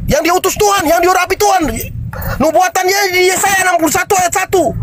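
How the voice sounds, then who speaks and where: High-pitched man arguing forcefully. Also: steady tone, fairly quick. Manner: forceful, interrupting, quoting scripture loudly. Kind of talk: heated religious debate.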